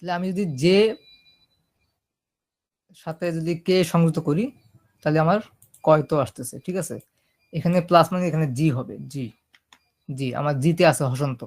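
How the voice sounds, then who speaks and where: A man with a fairly high voice runs a step-by-step typing lesson over a screen recording. He explains patiently, often pausing to check that his listeners are keeping up. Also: steady tone, a little mellow. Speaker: computer typing instructor.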